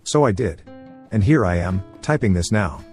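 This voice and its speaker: A man narrating forum posts as a story, reading quickly with few pauses. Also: lowish voice, lively intonation, darkish tone, soft background music. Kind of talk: fast scripted story reading.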